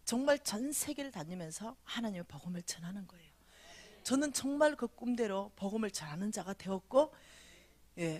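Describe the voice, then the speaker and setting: A middle-aged woman telling a dream story in a revival sermon, animated, acting out the voices and often dropping to a whisper. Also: mid-range voice. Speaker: revival speaker.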